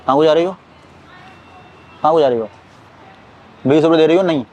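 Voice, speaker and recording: A man playing a swaggering small-time male street thug who talks rough, boastful and bullying, in a staged sketch. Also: a little high, fairly quick, mellow, lo-fi sound, close to an everyday voice. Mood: menacing.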